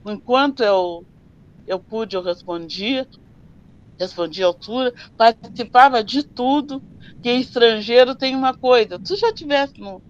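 An older woman, recalling her working life in an oral history interview and telling her stories in an animated way. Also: on the high side, a little slow. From southern Brazil. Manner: animated storyteller who acts out dialogues. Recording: slightly dull, dry recording.

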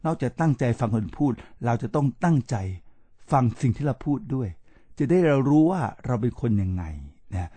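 Mellow-voiced man lecturing with emphasis. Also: medium pitch, husky, no room sound. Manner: emphatic, slow repetitions, addresses listeners directly. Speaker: podcast host. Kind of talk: motivational talk to listeners.

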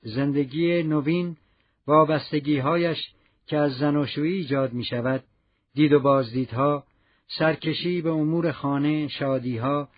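A man narrating a classic novel in measured, literary scripted narration. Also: fairly high pitch. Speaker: audiobook narrator. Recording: dull lo-fi recording.

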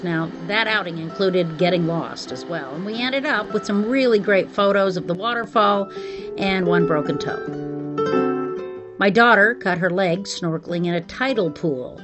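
A woman's voice: fairly low pitch, lo-fi sound. A middle-aged woman hosting a podcast, telling a scripted personal story. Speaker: podcast host.

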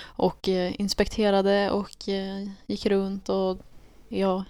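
A young woman co-hosting a casual chat podcast, telling her story in a matter-of-fact way with small pauses and dry laughs. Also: medium pitch, monotone, warm tone, clear, resonant tone, no room sound. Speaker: podcast co-host.

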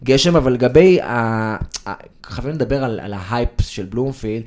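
A sports journalist co-hosts a casual podcast, speaking conversationally and digressively with frequent fillers. His voice is medium-pitched with a darkish tone.

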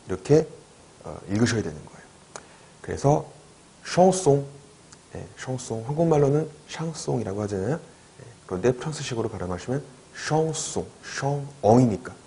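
Male French teacher, warm low voice, patient, repeats each word, checks in often. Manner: patient, repeats words slowly for drills; checks understanding with short questions. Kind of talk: video language lecture.

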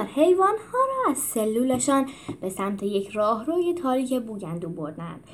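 A woman hosting a podcast and reading a translated children's book aloud with expressive storytelling. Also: medium pitch. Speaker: podcast host and narrator.

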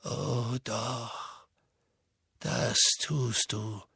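A man voicing a calm, gentle old male headmaster wizard who speaks softly and slowly. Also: high-pitched, gravelly, husky, no room sound, clean studio sound, pitched above the performer's own voice, exaggerated voice. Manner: calm, soft, measured.

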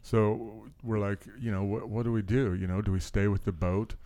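A man telling a story in casual podcast chat, animated, laughing and swearing often. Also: on the low side, moderate pace.

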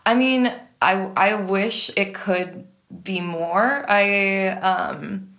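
A woman's voice: mid-range voice, extremely slow. A young adult woman from the United States, a guest in a conversation, talking loosely and full of "like" and "um". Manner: relaxed, filler-heavy, lots of "like". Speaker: guest, music supervisor. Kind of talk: casual conversation.

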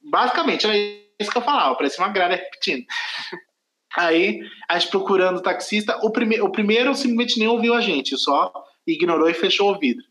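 A Brazilian man with a notably high voice tells a story on a casual podcast. He rambles, trips over his words and corrects himself as he goes. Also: expressive, a little fast, fairly bright tone, reverberant, rough recording. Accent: Brazilian Portuguese. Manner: rambling, self-correcting, laughs at own story. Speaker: podcast host.

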